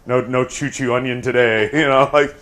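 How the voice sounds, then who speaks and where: Male streamer, middle-aged, mid-pitched voice, playful and wry, conversational joker. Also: steady tone, normal speed, fairly bright tone. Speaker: streamer hosting a charity subathon. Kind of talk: casual joking chat.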